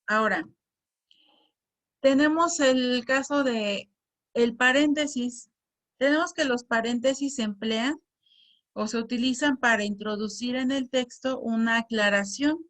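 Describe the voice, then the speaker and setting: A woman's voice: a little high, a bit bright. A woman teacher patiently explaining a lesson, often repeating words and reading example sentences aloud with exaggerated intonation. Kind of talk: slow explanatory lesson on punctuation.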